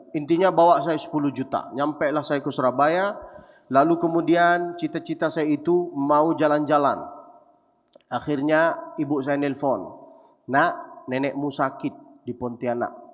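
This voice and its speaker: A young man from Mecca preaching a lively sermon, talking straight to the crowd and acting out what others said. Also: on the high side. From Mecca, Saudi Arabia. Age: young adult. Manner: animated, addresses listeners directly, acts out quotes. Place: large hall at a preaching event. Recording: echoey hall, dull muffled sound.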